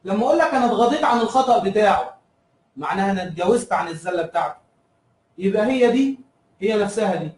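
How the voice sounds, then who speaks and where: Egyptian male teacher, high-pitched and quick, drills terms by repeating them, echoey room, off-mic. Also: lively intonation, recorded from a distance. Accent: Egyptian Arabic. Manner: asks and answers his own questions, repeats key terms. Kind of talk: recorded review lesson.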